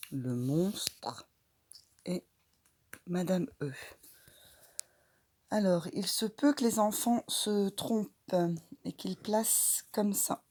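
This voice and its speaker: A woman teacher, slowly demonstrating a reading activity and stretching out each sound. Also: sits low, a little mellow. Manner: slow, deliberate, stretches out sounds.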